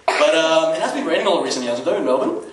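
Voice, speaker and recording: A high-pitched, expressive stand-up comedian from Dubai performs fast on a comedy club stage, talking conversationally with rhetorical questions and swearing. The recording is roomy and noisy, with a distant mic picking up audience laughter and background noise.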